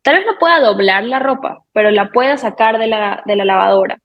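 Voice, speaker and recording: A woman's voice: mid-range voice, animated, fairly quick, lo-fi sound. A woman on a talk program, patiently explaining with step-by-step examples. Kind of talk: explanatory talk-show conversation.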